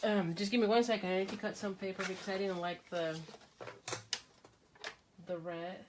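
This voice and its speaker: In a steady, mid-range voice at a moderate pace, a native speaker from Mexico hosts a live craft demonstration, with background noise in the audio. She thinks aloud as she works, chatting and filling pauses with many ums while responding to viewers' comments.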